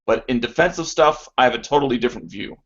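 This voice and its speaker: A man's voice: medium pitch, lively intonation, fast, breathy edge, muffled recording. A man hosting a casual voice chat, opinionated and prone to stammers and restarts.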